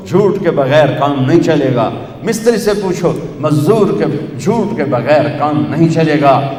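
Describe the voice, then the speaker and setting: A man's voice: on the high side, a little mellow, slight background noise. A male preacher delivers a sermon with rhythmic, emphatic lists that rise in repetition. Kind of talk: Urdu sermon. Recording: echoey hall with long reverb.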